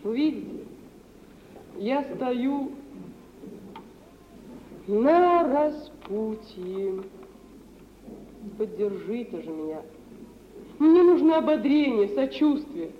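Pleading and yearning, a young adult actress plays a proud, sensitive, wounded dowerless bride in 1950s Russian radio theatre. Her fairly high voice is very animated and heavily acted, with impassioned delivery and weighty pauses. The reverberant mid-century recording sounds muffled and hissy.

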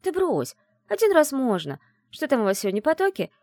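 A scheming young female student mage, as a woman reads her, high and bright, chattering fast and bossing her friend around. Her voice jumps about with excitement, loud and pushy. A storybook figure full of mischief. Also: no room sound, clean studio sound, exaggerated voice. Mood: cheerful, coaxing.

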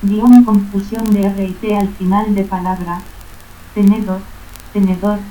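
A woman's voice: mid-range voice, level tone, normal speed, mellow. A woman reading a pronunciation drill aloud, saying each word twice in a variant form and then the standard form. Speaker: pronunciation reader. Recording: echoey room, faint background noise.

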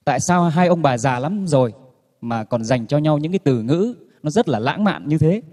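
A man telling jokes to an audience in a relaxed storytelling way, with many fillers. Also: on the high side, moderate pace, big-room sound. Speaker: joke teller.

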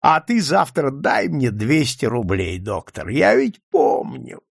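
A man doing a loud, blustering drunk. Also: medium pitch, very animated, slow pace, gravelly, slightly rough, no room sound, studio quality, full character voice. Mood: drunken bluster. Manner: slurred drunken laughing bluster. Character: drunk loud mocking adult man, quick to anger.

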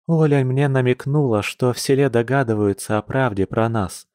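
A man voicing an anxious, tender young woman who is a bear shapeshifter, speaking softly with sighs. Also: medium pitch, normal speed, dry recording, clean studio sound, close to an everyday voice. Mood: worried.

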